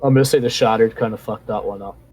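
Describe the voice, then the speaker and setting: A man's voice: lowish voice, fast, darkish tone, slight background noise, low-quality recording. A man running a tabletop game as game master, narrating with hesitant fillers.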